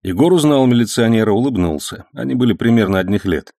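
A man narrating a novel in a measured storytelling manner. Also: lowish voice, expressive, warm tone, no room sound, studio quality. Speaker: audiobook narrator. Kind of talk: audiobook reading.

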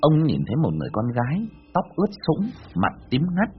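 A man narrating a ghost story in a dramatic, animated storytelling manner. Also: fairly high pitch, fairly quick, narrow, tinny audio, soft background music.

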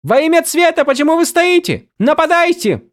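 Brief: man voicing a young princess, proud and jumpy, shrill high commands. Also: very animated, normal speed. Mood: alarmed.

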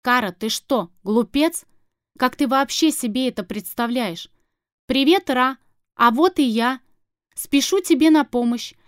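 A fierce, sharp-tongued young woman, read by a woman narrator who snaps back with sarcasm and heat. The voice sits fairly high, and the recording is dry and close. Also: a little slow, dry recording. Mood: mocking. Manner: sarcastic and heated, swearing. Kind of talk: audiobook character reading.

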